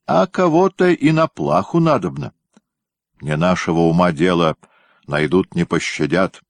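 A male audiobook narrator with a very deep voice reads a historical story at a slow, measured pace. The sound is dry and close to the mic. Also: lively intonation, dry recording.

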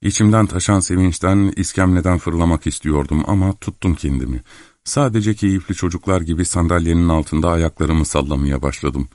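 A man calmly narrating a literary novel in the first person as an audiobook reader. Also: low-pitched, no echo. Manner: calm, measured storytelling.

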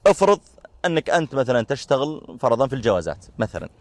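Male religious teacher, quick conversational delivery, uses everyday examples, dry recording. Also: mid-range voice, big pitch swings, no echo. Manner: explains through everyday examples, with frequent filler pauses.

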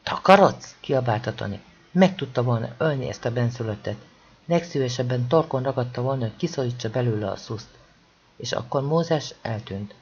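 Expressive audiobook reader, dull recording. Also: breathy edge. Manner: expressive reading with wide swings in pitch and loudness. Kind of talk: scripted narration of a novel.

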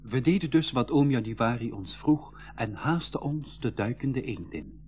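In a 1980s school radio play, a man lightly acts the part of a sensible, earnest boy recounting his adventure in measured, earnest narration. His medium-pitched voice is expressive, with faint music behind, and the old radio recording sounds dull and band-limited.

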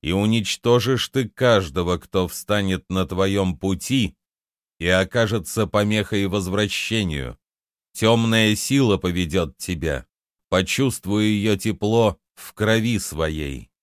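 A man voicing a dark male mage who speaks a spell slowly and with weight, in a storybook reading. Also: low-pitched, no room sound, clean studio sound. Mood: solemn menace. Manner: slow, weighty incantation.

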